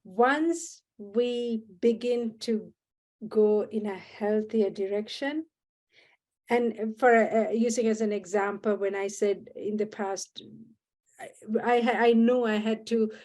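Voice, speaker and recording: A woman from Sri Lanka, talking in an earnest, measured way as a guest in a reflective podcast conversation, often restarting her sentences. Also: mid-range voice, fairly even intonation, darkish tone.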